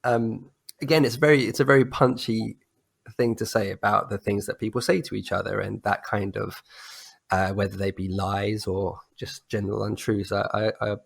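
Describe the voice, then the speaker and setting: A man's voice: on the low side, little pitch movement, moderate pace, creaky, breathy edge. A man hosting a podcast interview, searching for words with many restarts. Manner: hesitant, searching for words, appreciative. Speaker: podcast host. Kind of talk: casual interview chat.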